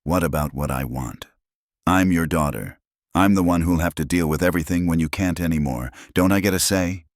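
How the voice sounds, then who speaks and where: A man's voice: deep voice, brisk, no room sound, lightly acted. A man voicing a pushy, resentful grown daughter who pressures her father, in a dry close recording. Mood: pushy, upset. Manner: insistent, pressuring.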